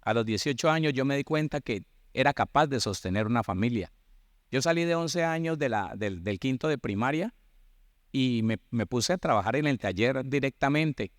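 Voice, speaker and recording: A man's voice: medium pitch, moderate pace, dry recording, clean studio sound. Colombian pastor in his sixties. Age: 60s. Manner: animated, repetitive storytelling, acting out dialogue. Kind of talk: sermon with personal storytelling.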